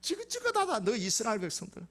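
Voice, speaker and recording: A man's voice: extremely high pitch, huge pitch swings, fast talker, fairly bright tone, voice pushed up, heavily acted. A man voicing a fed-up male deity, scolding his people in a raised voice. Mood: exasperated.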